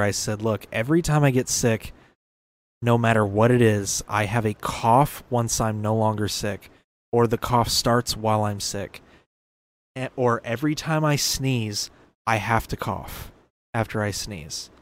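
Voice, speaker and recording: A young man in his early twenties hosting a casual solo podcast, rambling and correcting himself, laughing at his own remarks. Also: medium pitch. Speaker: podcast host.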